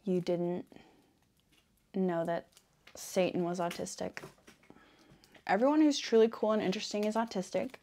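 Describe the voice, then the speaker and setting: A woman playing a quirky female devil in an ASMR role-play, talking in a playful, deadpan ramble with frequent self-interruptions. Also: medium pitch, moderate pace, pauses often, close to an everyday voice. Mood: smug, playful. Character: quirky female devil welcoming a newcomer to hell.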